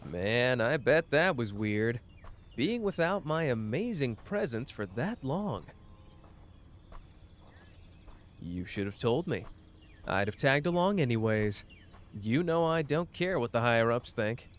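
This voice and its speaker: Lively, cocky Satoru Gojo played by a man. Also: medium pitch, measured pace. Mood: teasing, flirty. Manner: breezy, teasing, self-assured. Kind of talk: ASMR character roleplay, addressed to listener.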